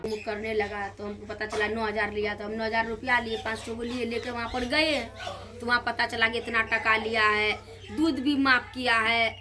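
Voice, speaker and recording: A woman's voice: fairly high pitch, flat delivery, moderate pace, over music. A woman telling her account plainly and complaining about the situation. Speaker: interviewee. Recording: crowd audible behind.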